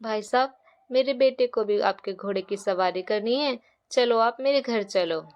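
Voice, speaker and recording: A woman's voice: on the high side, unhurried, close to an everyday voice. A woman voicing a caring father who earnestly pleads for his little son. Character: caring father, grown man. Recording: dull lo-fi recording.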